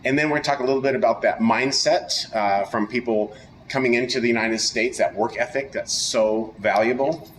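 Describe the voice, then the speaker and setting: A man's voice: medium pitch, fairly quick, slight background noise, rough recording. Enthusiastic male interview host. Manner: enthusiastic, energetic. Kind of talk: upbeat interview chat.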